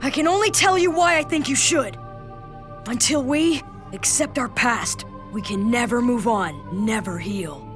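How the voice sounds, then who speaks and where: Earnest, high-voiced boy hero. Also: expressive, unhurried, soft background music. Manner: spirited, earnest. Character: earnest, determined young boy card fighter. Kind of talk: animated series dub.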